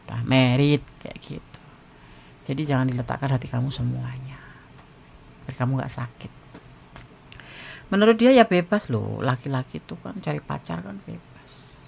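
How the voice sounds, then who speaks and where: A man with a gravelly, creaky voice talks straight to his viewers. He gives blunt, frank relationship advice in a loose, chatty monologue. A faint hiss sits under his voice. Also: mid-range voice. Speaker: tarot reader giving love advice.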